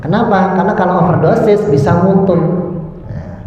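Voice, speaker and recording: A man with a Javanese accent teaching parents in a lecture, speaking deliberately, repeating key points and demonstrating sounds. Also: high voice, warm tone. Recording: dull echoey hall with faint noise.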